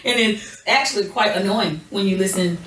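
Woman podcaster, slow deliberate talk, distant echo. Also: medium pitch, fairly bright tone, a little hiss or hum. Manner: deliberate, slows down when gathering thoughts. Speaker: podcast co-host. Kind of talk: casual podcast chat.

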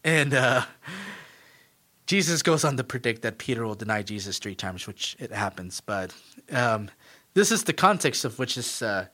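A man hosting a podcast, giving Bible teaching in a casual, conversational way with animated asides. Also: fairly low pitch, normal speed.

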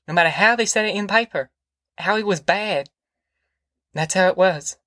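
Here a male performer pitches his voice higher than his own to portray a tender, anxious farm mother of middle age, her rural Southern American speech earnest and hesitant as feelings pour out. The delivery is sharp-toned at a moderate pace. It's audiobook character work, recorded cleanly in a studio with no room sound.

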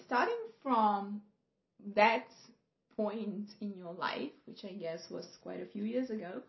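A woman's voice: medium pitch, takes it slowly, creaky. A woman hosting a podcast as a vocal coach, asking long, rambling questions with encouraging asides. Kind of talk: casual podcast interviewing. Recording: roomy, slightly dull podcast audio.

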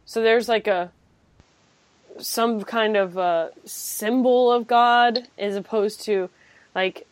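A woman's voice: on the high side, steady tone, slow pace, no room sound. A woman talking enthusiastically about faith in a casual chat, often restarting her sentences. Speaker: co-host.

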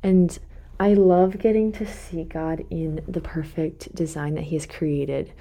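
A woman's voice: low-pitched, fairly even intonation, measured pace, mellow. A woman hosting a devotional podcast, talking casually and thinking aloud, correcting herself as she goes. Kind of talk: casual faith reflection talk.

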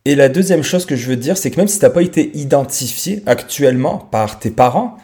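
Fairly quick and full of lively intonation, a French podcast host in his thirties talks straight to his audience in a mellow, mid-range voice. His French-accented monologue is informal and unscripted.

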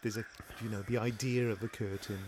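A man's voice: fairly low pitch, steady tone, fairly quick, background noise, natural voice. A man playing an awkward, self-important middle-aged amateur actor who hesitates and stammers. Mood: fussy. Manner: hesitant, fussy, many ums, stammering. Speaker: improvised comedy performer.

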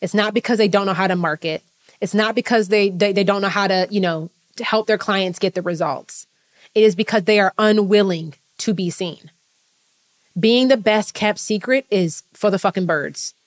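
A woman's voice: mid-range voice, moderate pace. A woman business coach giving an impassioned, repetitive motivational talk, swearing freely.

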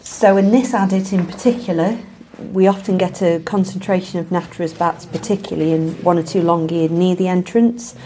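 A woman's voice: on the low side, fairly even intonation, fairly quick, hardly any pauses, mellow, a little hiss or hum. A woman giving informal, matter-of-fact explanations as an expert guide in an interview. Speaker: bat surveyor, expert guide. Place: inside a mine tunnel.

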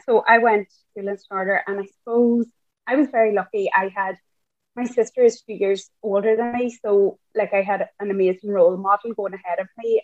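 A woman's voice: medium pitch, no room sound. A woman with a Donegal Irish accent answering as a podcast guest in a chatty, conversational way, often padding with "I suppose" and "like". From County Donegal, Ireland. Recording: thin phone-like remote line.

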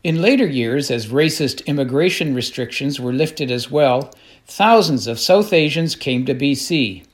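A man's voice: medium pitch, animated, measured pace. A man reading scripted documentary narration as the narrator.

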